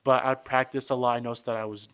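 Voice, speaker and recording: A young man in his twenties, guesting on a relaxed podcast, talks fast in a middle-pitched, clean voice. He's chatty and easygoing, frequently calling the host "man", and brings his stories to life by acting out the voices of the people in them.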